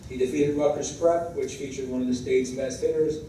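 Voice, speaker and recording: A man's voice: mid-range voice, fairly even intonation, fairly quick, mellow. Echoey, distant American man giving a coach's speech. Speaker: high school baseball head coach. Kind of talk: semi-scripted tribute speech at an awards event. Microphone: distant microphone. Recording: very echoey room, distant mic, clear background noise.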